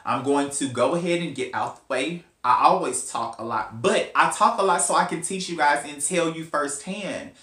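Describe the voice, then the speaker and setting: A man's voice: fairly high pitch, normal speed, few pauses, pushed and bright. Chatty male hair vlogger, roomy sound. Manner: chatty, rambling, playful asides. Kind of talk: casual hair tutorial chat. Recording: roomy with faint hum.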